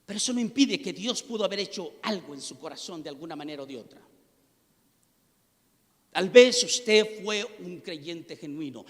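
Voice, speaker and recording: Impassioned high-voiced preacher in a hall. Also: male voice. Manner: impassioned, rising to near-shouts at peaks. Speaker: pastor. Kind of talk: sermon with personal testimony. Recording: long reverb of a hall.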